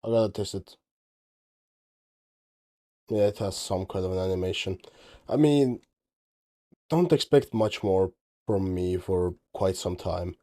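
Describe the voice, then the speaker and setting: A low, dark, expressive voice comes from a teenage Estonian game developer speaking English at a measured pace with frequent pauses. Tired and offhand, he rambles about his project over a screen recording, often going back to correct himself, and Estonian is his native language.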